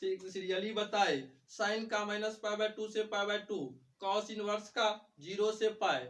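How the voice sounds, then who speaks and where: Guy teaching math, slow and high, asks stuff then answers it himself, kinda far from the mic. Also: steady tone, a bit bright. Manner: poses questions and answers them himself. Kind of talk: whiteboard lecture. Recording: echoey room, mic far off.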